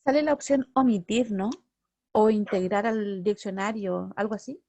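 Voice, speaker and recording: A woman's voice: mid-range voice, normal speed, darkish tone. A woman student asking tentative questions in class.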